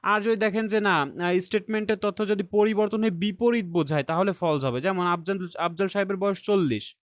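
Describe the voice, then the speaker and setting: A man's voice: high voice, a little fast, dry recording, studio quality. A man teaching an exam-skills lesson step by step. He often checks in with his listeners and mixes English terms into his explanations. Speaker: IELTS reading teacher.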